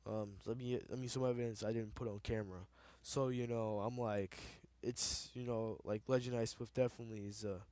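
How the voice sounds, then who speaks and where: A man's voice: medium pitch, darkish tone, no echo. Rambling young man, dry close sound. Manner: rambling, stumbling over repeated words. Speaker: let's play gamer. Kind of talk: casual game commentary.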